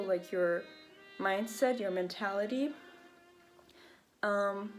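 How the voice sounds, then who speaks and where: A woman's voice: medium pitch, darkish tone. A young woman vlogging in a casual, rambling way, full of fillers as she thinks aloud. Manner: chatty, rambling, lots of fillers. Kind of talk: casual reflective vlog. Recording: faint jazz music behind. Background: faint jazz music.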